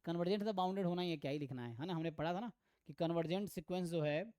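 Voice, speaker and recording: A man teaching an online exam-prep math lecture, thinking aloud and reading theorem statements slowly. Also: fairly high pitch, warm tone, smooth, dry recording, studio quality. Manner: thinks aloud, mixes Hindi with English terms. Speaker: math tutor.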